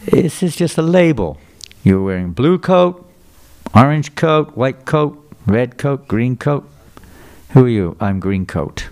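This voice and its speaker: Before a live audience in a temple hall, an older English guest speaker gives a sermon lecture in a medium-pitched, slightly mellow voice. He is animated yet takes his time, putting questions to listeners and repeating what they say back to them.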